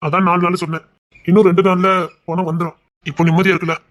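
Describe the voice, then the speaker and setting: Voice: mid-range voice, flat delivery, fast talker, muffled recording, close to an everyday voice. A voice actor playing a blunt, commanding older village brother in a cartoon, with a Tirunelveli Tamil accent. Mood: explaining. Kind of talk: cartoon voice acting.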